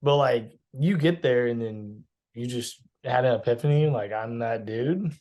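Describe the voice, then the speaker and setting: A man's voice: medium pitch, normal speed, warm tone, dry recording, clean studio sound. A man in his twenties hosting a podcast, asking questions in a laid-back, chummy way and agreeing easily. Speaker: podcast host. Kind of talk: casual podcast interview.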